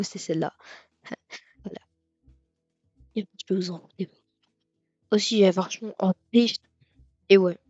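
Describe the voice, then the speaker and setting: Guy rambling through a let's play, tons of euh and bah, mellow voice, dry lo-fi mic. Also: sits high, dry recording. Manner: rambling and hesitant, with many fillers and sudden excited outbursts. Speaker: gaming video creator. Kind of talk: casual let's-play commentary. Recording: dull lo-fi mic with faint music.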